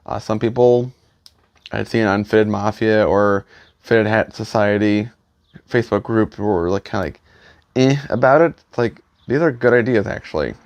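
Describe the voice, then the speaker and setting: A man giving a casual, opinionated vlog in a grumbling back-in-my-day rant, halting and correcting himself as he goes. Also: on the low side, no echo, dull audio. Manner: halting, self-correcting, trailing delivery. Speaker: hat collector vlogger.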